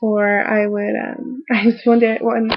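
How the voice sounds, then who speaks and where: Casting: woman vlogger, worn out post-surgery, flat and croaky, halting casual update, slightly dull home-recorded sound. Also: on the high side. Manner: halting, trailing off mid-thought. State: tired and sore after recent surgery. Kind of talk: casual rambling video diary.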